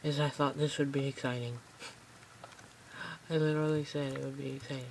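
Gravelly, rambling gameplay host. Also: medium pitch, flat delivery, a little fast, slight background noise, poor audio. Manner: chatty, rambling, talks to viewers. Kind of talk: casual gameplay commentary. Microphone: phone camera pointed at a screen.

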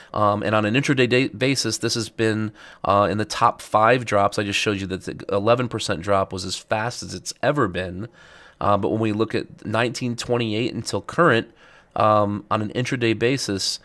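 A middle-aged man hosting a finance podcast, speaking casually with many ums, his voice raspy and a little stuffed up after illness. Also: on the low side, fairly even intonation, normal speed, fairly bright tone. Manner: chatty, many ums and uhs. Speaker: podcast host, financial advisor. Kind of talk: casual educational podcast talk.

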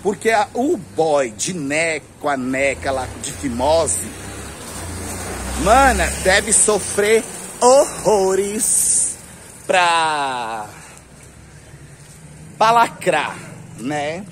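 Flamboyant high-voiced gossipy Brazilian man. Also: big pitch swings, very slow, long pauses, fairly bright tone, slight background noise. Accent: Brazilian Portuguese. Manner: flamboyant, gossipy, laughing often, lots of slang address. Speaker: vlogger. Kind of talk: casual storytelling to camera. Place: outdoors on a street.

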